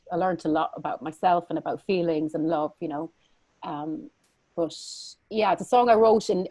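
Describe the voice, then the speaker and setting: A woman's voice: lowish voice, darkish tone, no room sound. Chatty Irish woman, dry close sound. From Ireland. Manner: chatty, rambling, lots of fillers and restarts. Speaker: guest singer. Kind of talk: casual interview chat.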